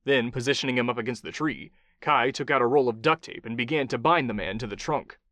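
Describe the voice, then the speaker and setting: A man narrating a thriller audiobook in an expressive, dramatic storytelling style. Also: medium pitch, fast, dry recording.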